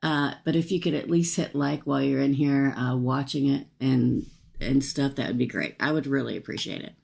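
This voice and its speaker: A low-voiced woman hosts a casual livestream. Her speech has a gravelly fry, and she talks through a swollen, sore jaw. She is folksy and chatty, wandering from one aside to the next as she addresses her viewers. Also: steady tone, normal speed, darkish tone. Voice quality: speaking with a swollen jaw and cheek after a tooth extraction. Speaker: livestream host offering paid psychic-style readings.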